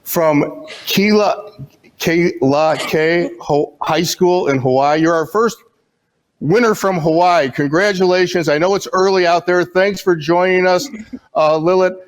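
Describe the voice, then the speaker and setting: Guy hosting an awards thing, fairly high voice, friendly, stumbles a bit on names. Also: a little slow, rough recording. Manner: friendly, fumbles names and apologizes. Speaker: awards host. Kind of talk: hosting an online award ceremony.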